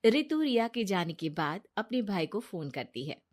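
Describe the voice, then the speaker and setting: A woman's voice: mid-range voice, very animated, normal speed, darkish tone. Woman narrating a cartoon story.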